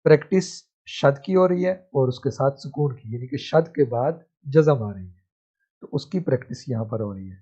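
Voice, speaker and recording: A man teaches a reading lesson, spelling each syllable slowly before blending them together. His voice is dark and husky. The recording is dull and muffled. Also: medium pitch, lively intonation.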